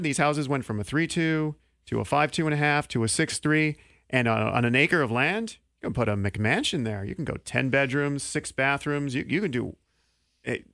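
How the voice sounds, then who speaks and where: A man in his thirties hosting a local radio talk show in a small studio, speaking into a studio mic with quick, joking delivery. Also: a little high, gravelly, a bit bright, no echo. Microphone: studio mic on boom arm.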